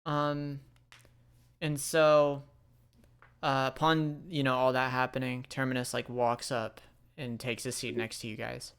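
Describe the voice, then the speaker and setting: Brief: male game master, casual rambling narration, smooth voice. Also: medium pitch, little pitch movement, a little slow, a bit bright. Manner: rambling, many fillers.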